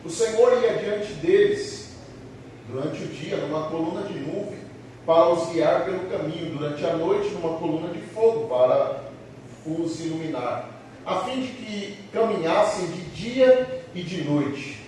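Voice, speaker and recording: High-voiced Brazilian preacher in an echoey church. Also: male voice, lively intonation, measured pace, darkish tone, a little hiss or hum. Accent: Brazilian Portuguese. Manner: preaching, quotes scripture, rising emphatic delivery. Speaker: pastor. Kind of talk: sermon. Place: church hall. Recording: echoey church hall, mic at a distance.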